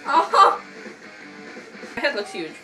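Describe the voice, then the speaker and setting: Filmed on a home webcam that sounds roomy and distant with music playing behind, a woman vlogger giggles, teases and trades crude jokes with a friend in casual chat. She speaks slowly in a high-pitched, sharp voice with huge swings in pitch.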